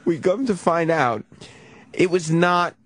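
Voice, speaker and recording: A man in his thirties, a regular on a talk-radio show, telling animated anecdotes and often laughing. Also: fairly high pitch, slow pace, no echo, clean studio sound. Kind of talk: casual talk-radio storytelling.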